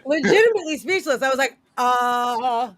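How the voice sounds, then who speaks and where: A woman's voice: high-pitched, animated, moderate pace. A woman speaking as a returning panelist over a group video call, casual and hesitant, with many ums and uhs. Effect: voice heard over a group video call. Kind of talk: casual chat. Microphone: computer mic on a video call.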